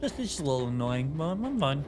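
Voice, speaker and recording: A man's voice: fairly high pitch, very animated, fast, darkish tone, a little hiss or hum. A man livestreaming a game with casual, sweary, easygoing chat, his speech slightly impeded as if half his mouth is numb. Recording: music behind the voice. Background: music.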